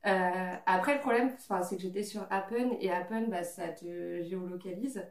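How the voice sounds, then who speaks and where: Her voice is fairly low and her pace moderate as this woman in her twenties, a podcast guest, swaps stories with friends around a living-room coffee table. She laughs often and leans on many fillers in the casual chat. The mic sits at a distance, so the audio sounds roomy.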